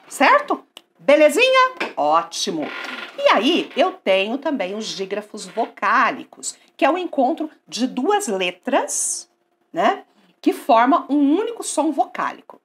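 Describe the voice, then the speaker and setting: A woman teaching a grammar lesson online, asking and answering her own questions in a coaxing, lively way. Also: a little high, slightly rough.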